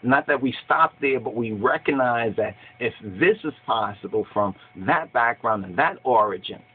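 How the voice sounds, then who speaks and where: A man's voice: mid-range voice, lively intonation, moderate pace, slightly rough. A middle-aged man preaching and commenting on scripture in Rastafarian speech, emphatic and repeating his phrases, recorded on a webcam in a small room. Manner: Rasta speech, saying "I and I" and "Jah"; emphatic, repeating phrases, checking "you understand". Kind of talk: sermon with scripture reading and commentary. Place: small cluttered room indoors. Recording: thin phone-like webcam sound.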